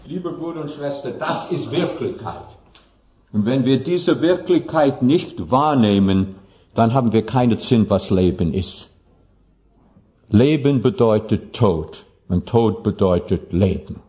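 A male pastor telling a story in a sermon, speaking halting German with slips and restarts. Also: medium pitch, animated, husky. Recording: dull lo-fi recording.

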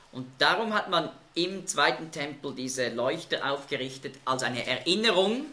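Animated man teaching Bible study. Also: a little high, echoey room. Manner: emphatic, explanatory, asks group questions.

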